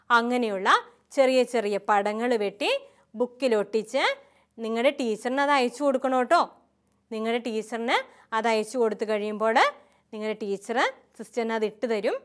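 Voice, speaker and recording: High-voiced nun teaching small children. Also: female voice, fairly bright tone. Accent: Kerala Malayalam. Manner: sweet sing-song coaxing tone to small children. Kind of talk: children's catechism lesson.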